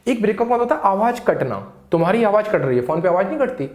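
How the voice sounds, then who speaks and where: A man teaching idioms in a casual lesson, explaining in Hindi and reading examples slowly. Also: high-pitched, big pitch swings, a little mellow. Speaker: English teacher. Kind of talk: casual spoken English lesson. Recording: echoey room.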